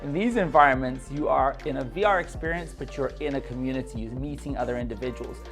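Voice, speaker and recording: A man's voice: medium pitch, fast, music in the background. A man giving an eager, conversational lecture to camera about journalism and talking straight to viewers. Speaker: journalism instructor.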